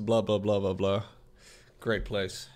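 This young adult streamer speaks slowly in a level voice on the low side, with background noise present. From a small room at home he edits a video, chatting casually, joking and reading chat aloud, using a desk mic and headphones under webcam framing.

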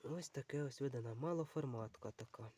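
Over a noisy background, a man with a mid-range voice speaking a little fast offers casual commentary while browsing a pile of books. As a book channel vlogger he thinks aloud unhurriedly with lots of fillers, treating viewers as friends.

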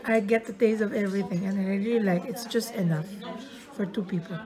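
Surrounded by crowd chatter in a busy restaurant, a woman vlogs casually on a handheld phone, chatty and quick to laugh. She speaks a little fast in a steady, medium-pitched tone.

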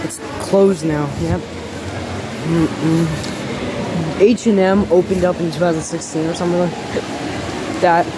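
A woman's voice: lowish voice, fairly even intonation, measured pace, pauses often, very noisy. A woman giving casual, wandering commentary with fillers as she walks through an indoor shopping mall, filming on a handheld phone. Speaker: vlogger touring a mall. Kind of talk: casual walking vlog narration. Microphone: handheld phone camera. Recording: loud mall ambience behind the phone mic.

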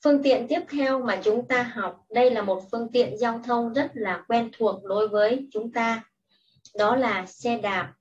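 A woman teacher giving patient, step-by-step instructions in a slow classroom style. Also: on the high side. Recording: distant, muffled mic with faint hiss.

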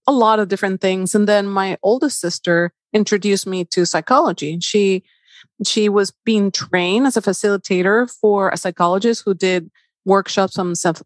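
A middle-aged woman with a Venezuelan Spanish accent, a holistic life coach speaking as a podcast guest, lively and open. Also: mid-range voice, dry recording. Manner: lively, playful, openly personal. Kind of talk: casual interview chat.

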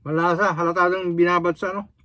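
A man, talking while chewing in a relaxed eating vlog. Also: high-pitched, fast, dry recording. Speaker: mukbang vlogger. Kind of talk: casual eating vlog chat.

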